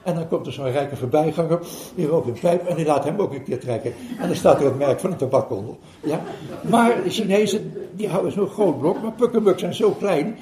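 A man's voice: a little high, lively intonation, a little fast, few pauses, background noise. An older man, telling a story to an audience as a meditation teacher, chuckling and hesitating with fillers as he goes. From Netherlands. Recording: roomy hall recording.

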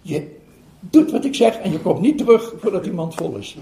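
A man voicing a wise old male Chinese fisherman in a story, calm, firm and instructing. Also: high voice, normal speed, vocal fry, exaggerated voice. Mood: stern. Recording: roomy hall recording.

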